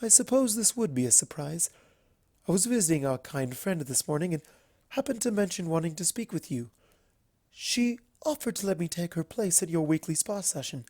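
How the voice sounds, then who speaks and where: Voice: mid-range voice, animated, darkish tone, pitched above the performer's own voice, close to an everyday voice. A narrator as Princess Luna, regal and formal. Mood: gracious. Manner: formal, measured, courteous. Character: regal, reserved moon princess, a winged unicorn mare. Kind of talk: storybook character voice.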